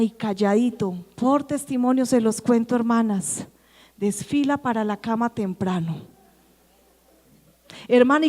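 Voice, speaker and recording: A woman preaching in a church, speaking with a Colombian Antioquia accent. Her voice sits high, and her sermon is lively, full of questions thrown at the congregation. Behind her the church hall rings with a long reverb. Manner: lively, acts out quoted dialogue, asks the congregation questions.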